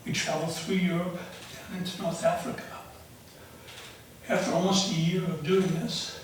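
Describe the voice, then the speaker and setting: Man in his 70s, stage storyteller, measured phrasing, slightly high voice, very echoey auditorium. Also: level tone. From United States, raised in the Bronx. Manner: measured, short phrases with pauses. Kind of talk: live personal storytelling. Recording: very echoey auditorium, noisy, distant.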